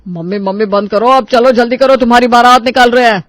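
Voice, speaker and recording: A performer voicing a stern, grumpy middle-aged father in a cartoon story, scolding gruffly. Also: medium pitch, quick pace, fairly bright tone, no echo, studio quality, lightly acted.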